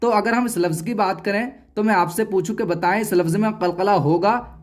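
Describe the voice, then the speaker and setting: A Quran reading teacher with a Hindustani accent giving a slow step-by-step lesson, patiently repeating letters and syllables one by one. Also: mid-range voice.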